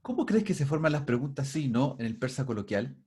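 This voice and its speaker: A husky-voiced man leads a linguistics class over a video call. He explains step by step, often repeating and restarting words as he thinks aloud, at a middling pitch. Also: very animated, quick pace, a little mellow. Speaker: linguistics teacher. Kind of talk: online class teaching.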